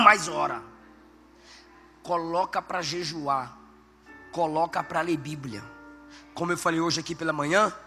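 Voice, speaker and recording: Male pastor, sermon, high bright voice, animated storyteller, shouted emphasis, church hall echo, faint music.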